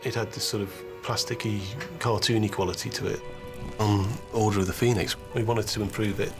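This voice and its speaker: A man's voice: fairly low pitch, steady tone, fairly quick. A man who works in film effects, giving a technical, explanatory documentary interview. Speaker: visual effects filmmaker. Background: music.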